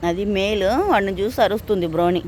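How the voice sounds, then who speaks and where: A woman's voice: mid-range voice, fairly even intonation, quick pace, a little mellow, slight background noise. A woman filming her dog at home, coaxing and scolding it as if it were a child while talking to her viewers. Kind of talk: casual talk to a pet and to viewers.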